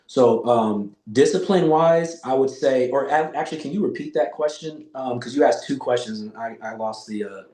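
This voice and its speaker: Hardly pausing, he speaks at normal speed in a dark, mid-range voice. He's a podcast guest in his forties, telling loose, profane stories with acted-out quotes in a casual chat, recorded with a roomy echo.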